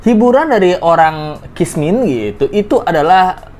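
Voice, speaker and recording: A man's voice: high-pitched, lively intonation, unhurried. A man giving joking reaction commentary on clips, laughing often. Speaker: commentary vlogger.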